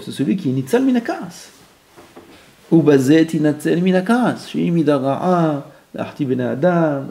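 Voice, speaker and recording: Animated man giving a Torah class. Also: on the high side, vocal fry. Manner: animated, mixes Hebrew terms, acts out quoted voices. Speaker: rabbi teaching a class. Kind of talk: lively Torah lesson.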